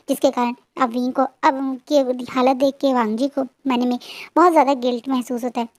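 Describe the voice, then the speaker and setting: A woman's voice: high voice, darkish tone, no echo. A woman casually retelling a fan-fiction story in a chatty, hesitant way with frequent fillers.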